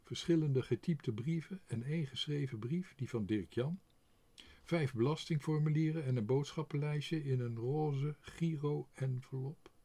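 A man narrating a children's storybook in an expressive, animated way. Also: fairly high pitch, measured pace. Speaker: audiobook narrator.

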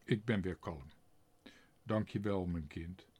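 A man reading a storybook aloud, voicing a hot-tempered cook and father with a gruff, blustering manner. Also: low voice, slow, a little mellow, pitched below the performer's own voice, exaggerated voice. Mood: calm.

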